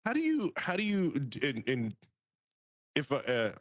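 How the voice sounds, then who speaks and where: A man's voice: fairly high pitch, wildly swooping pitch, a little slow, dry recording, dull audio. A man hosting a casual podcast, restarting and stumbling as he asks his questions. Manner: stumbling restarts when asking. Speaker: podcast host.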